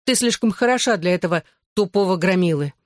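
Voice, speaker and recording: A reader voicing a bubbly, excitable teenage girl who fiercely takes her best friend's side. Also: on the low side, no echo, studio quality, close to an everyday voice. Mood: indignant. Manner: quick to excitement and indignation.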